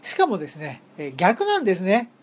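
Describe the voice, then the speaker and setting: A woman's voice: mid-range voice, huge pitch swings, brisk. A woman hosting her own talk show, recounting a solo camping trip in a polite, formal way with humorous asides and frequent hesitations. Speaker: podcast host. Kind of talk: solo travel storytelling.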